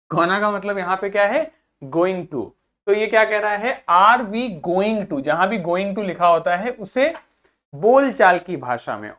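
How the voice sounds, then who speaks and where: A male teacher giving a classroom vocabulary lesson, asking the class questions, answering them himself, and repeating each word slowly several times. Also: high voice.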